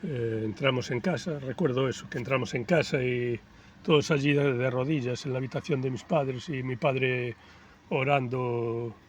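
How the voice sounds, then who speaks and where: A man's voice: mid-range voice, slight background noise. Man telling his testimony. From Galicia, Spain. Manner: conversational storytelling with frequent tag questions; grows softer and reflective. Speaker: church speaker giving testimony. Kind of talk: personal testimony.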